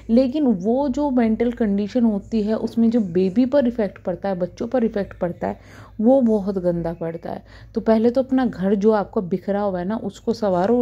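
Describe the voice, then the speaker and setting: Woman vlogger, thirties, earnest scolding tone, mellow voice, slightly dull sound. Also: a little high. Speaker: YouTube reaction vlogger. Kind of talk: talking to camera, commentary.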